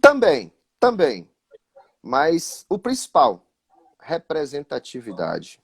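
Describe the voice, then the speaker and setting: Ex-goalkeeper, high voice, chatty anecdote-teller. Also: male voice, slow, gravelly, breathy edge. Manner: lively anecdotal, with many fillers like "né, cara". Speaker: former futsal goalkeeper telling a story. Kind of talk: casual live-stream storytelling.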